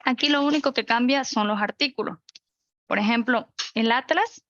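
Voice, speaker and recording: A young woman gives an online class in a slightly high voice, stepping through each example in a steady, orderly way and often checking in with her listeners. The sound is dull and lo-fi, dry and close, as if it came through a video call. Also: moderate pace, no echo. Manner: methodical, lists examples one by one, checks in with "¿no?". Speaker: teacher. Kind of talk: virtual grammar lecture.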